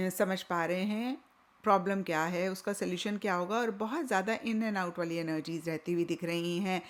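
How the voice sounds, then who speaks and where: A woman giving a tarot reading, talking chattily and mixing Hindi with English phrases, often repeating points for emphasis. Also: medium pitch. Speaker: tarot reader. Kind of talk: tarot reading talk to camera.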